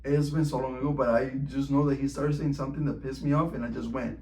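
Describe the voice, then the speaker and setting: A vlogger tells a personal story in a casual storytime monologue, his mid-range voice quick-paced with fairly even intonation. He talks loosely and slangily, dropping lots of "like," "bro," and swear words, and the audio sounds roomy with background noise.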